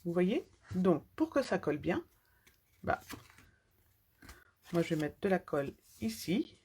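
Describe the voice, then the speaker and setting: Woman papercraft demonstrator, low gravelly voice, lively pitch, chatty live tutorial. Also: measured pace. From France. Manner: chatty, talks while working with hands.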